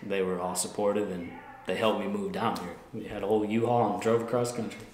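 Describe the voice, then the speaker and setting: A man in his twenties from Montana, appearing as a guest, answers interview questions casually in an indoor lounge room, with many fillers and restarts. His lowish voice is steady, a little fast and a little mellow, and the sound is roomy.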